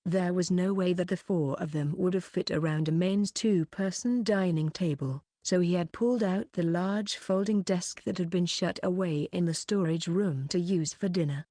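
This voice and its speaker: A woman reading a light novel aloud in an even, unhurried storytelling manner, close to the mic. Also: fairly low pitch, dry recording. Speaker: audiobook reader.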